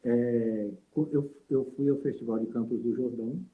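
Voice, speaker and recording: Speaking at a normal pace with medium pitch and fairly even intonation, this Salvador-born saxophonist and teacher is a guest in a casual interview over video call. He drifts through his stories reflectively, leaning on lots of fillers, and the call audio sounds tinny.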